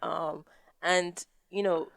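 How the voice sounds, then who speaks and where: A woman's voice: fairly low pitch, fairly even intonation, slow pace, gravelly, a bit bright, a little hiss or hum. Cheerful smiling woman co-host. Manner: cheerful, upbeat, smiling while talking. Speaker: podcast co-host. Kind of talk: casual chat.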